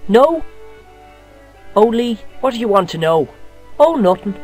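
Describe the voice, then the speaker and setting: A man's voice: sits high, big pitch swings, unhurried, darkish tone, faint music behind, exaggerated voice. A man voicing a cheeky, boastful Irish boy who tells tall tales in broad colloquial speech, with an Irish accent, in a video game. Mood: defiant.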